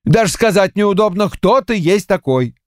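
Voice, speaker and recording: A man's voice: sits high, expressive, normal speed, no echo, voice pushed up. A man voicing a sly village accountant who teases a farmer in a dry close recording. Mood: teasing. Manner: teasing, needling.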